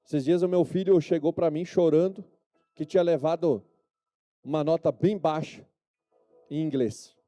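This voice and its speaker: Brazilian pastor guy preaching in church, kinda high but super warm dark voice, keeps asking amen?. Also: steady tone, a little slow, long pauses, faint music behind. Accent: Brazilian Portuguese. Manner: preachy, addresses the congregation with repeated calls for amen and yes-or-no. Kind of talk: sermon. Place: church service.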